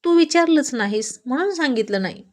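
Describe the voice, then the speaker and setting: Storybook voice: a woman playing a cheeky young village woman, raised and bright, talkative and bold. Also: high-pitched, expressive, brisk, voice pushed up. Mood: pleading.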